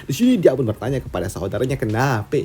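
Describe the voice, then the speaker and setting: A man's voice: medium pitch, big pitch swings, fast talker, mellow. A man with an Indonesian accent telling a comic's story in a chatty, slangy way and asking viewers for likes. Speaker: manhua recap narrator. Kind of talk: casual storytelling recap.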